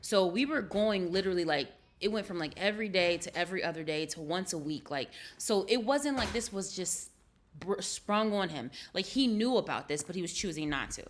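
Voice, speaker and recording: A woman's voice: on the low side, lively intonation, a little fast, slight background noise. A woman vlogger explaining things casually to her viewers, repeating herself for emphasis. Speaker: vlogger, mother.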